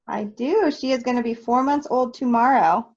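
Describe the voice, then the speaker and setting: A woman's voice: a little high, normal speed. Easygoing young woman teacher from the midwest US, friendly answers, muffled call audio. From Nebraska, United States. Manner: cheerful, easygoing, light laughs. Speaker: third grade teacher, guest. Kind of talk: casual interview answers.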